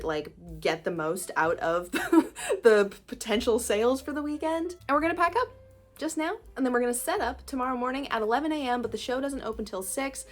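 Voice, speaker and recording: A young woman, a self-employed illustrator, chatting casually in a vlog and laughing often as she thinks aloud. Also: fairly high pitch. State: groggy morning voice. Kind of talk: casual vlog talk to camera.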